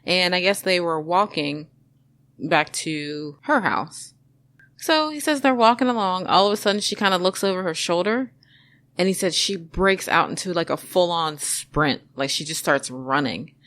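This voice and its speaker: Giggly woman podcast co-host, lower voice. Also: normal speed. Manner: laughs a lot, animated storytelling. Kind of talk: casual chat.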